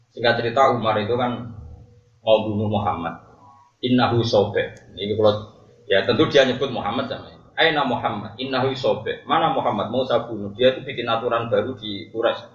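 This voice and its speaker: Javanese man teaching, heard from far off. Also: mid-range voice. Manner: joking, laughing often, chanting Arabic verses slowly. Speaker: religious teacher. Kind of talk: religious study lecture. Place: large hall at a religious boarding school. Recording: dull, roomy, distant.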